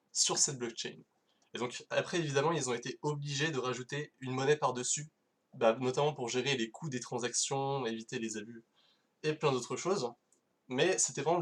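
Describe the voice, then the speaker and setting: A man giving a casual live-streamed technical talk, hesitant, with many fillers and restarts. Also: medium pitch. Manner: casual, self-deprecating. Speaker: conference speaker.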